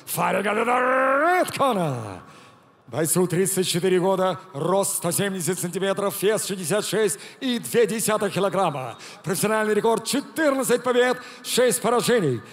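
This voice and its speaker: A high-voiced older man with a Russian accent announces fights from the cage. He delivers brash promoter hype and stretches names into shouts. His handheld mic rings through the arena PA with long reverb. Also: sing-song, normal speed. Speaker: ring announcer. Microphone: handheld microphone.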